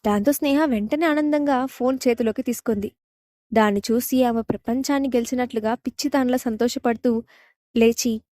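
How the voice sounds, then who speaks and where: A woman narrating a romance audio story in a steady, even reading voice. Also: a little high, dry recording, studio quality.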